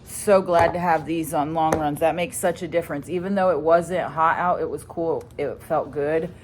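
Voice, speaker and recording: A woman's voice: sits low, fairly even intonation, moderate pace, noisy background. A woman chatting casually to her vlog viewers. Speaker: vlogger.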